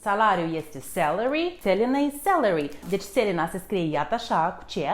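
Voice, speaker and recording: A woman teaching English words in a playful, casual way in her home kitchen. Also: mid-range voice. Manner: lively, playful, switches between two languages. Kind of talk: casual bilingual lesson.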